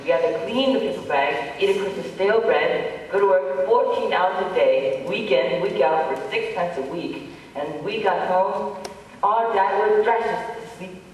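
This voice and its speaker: A man's voice: high-pitched, normal speed, close to an everyday voice. A man on stage playing a boastful old man who tries to top others' hardship stories with mock-grim bragging. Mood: boasting. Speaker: amateur stage actor. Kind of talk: stage comedy sketch. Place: hall stage. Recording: echoey hall from far off, with noise.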